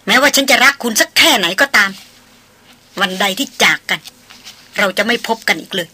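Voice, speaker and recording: A woman's voice: medium pitch, fairly quick, pushed and bright, slightly rough. A woman reading a novel aloud, voicing a passionate, proud young upper-class heiress. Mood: impassioned. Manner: emotional, pleading then defiant.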